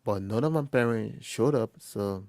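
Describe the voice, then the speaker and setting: A young man from Liberia speaks in a low, gravelly voice, recorded close in a dry, quiet space. He tells his story haltingly, restarting phrases and acting out short exchanges. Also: dry recording. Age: young adult. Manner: halting, with frequent restarts and quoted dialogue. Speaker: interviewee, first-year college student. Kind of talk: personal storytelling interview.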